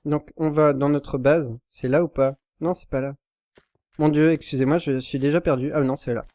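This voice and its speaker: A man's voice: a little high, fairly even intonation, moderate pace, mellow, dry recording. A young man casually commenting on his video game as he plays, rambling and self-correcting, with sudden panicked yelps. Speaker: Minecraft YouTuber.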